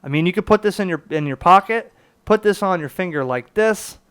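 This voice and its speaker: High-pitched, animated, and a little fast, this man's fairly bright voice comes through cleanly. He's a presenter demonstrating a gadget in a relaxed, explanatory way, posing his own questions and checking in with "okay?"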